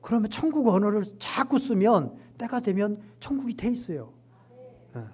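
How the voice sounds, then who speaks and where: A middle-aged man preaching a Sunday sermon as pastor, animated and acting out quoted lines with rising emphasis. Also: high-pitched, moderate pace, husky.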